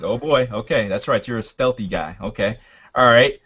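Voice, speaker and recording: Halting male game master, dull lo-fi sound. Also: mid-range voice, a bit bright, breathy edge. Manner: halting, thinking aloud, checking rules. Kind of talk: casual narrating and refereeing of a tabletop game.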